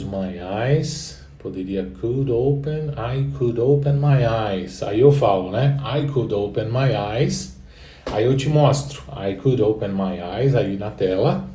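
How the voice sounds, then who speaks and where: A man with a Brazilian Portuguese accent teaching an English lesson, patiently repeating each phrase slowly for the learner. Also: on the low side, dark tone. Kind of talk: online language lesson. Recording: roomy echo, distant from the mic.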